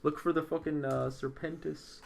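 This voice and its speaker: A man playing a tabletop role-playing game, planning his moves in a joking, profane, animated way. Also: a little high, moderate pace, gravelly. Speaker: player. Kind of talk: casual tabletop game play.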